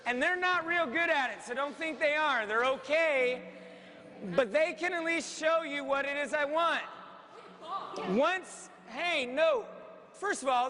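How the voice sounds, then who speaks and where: A man's voice: very high-pitched, sharp tone. A man teaching a drum class, giving firm, direct instructions and joking with his students in a school music room. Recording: reverberant room, faint noise.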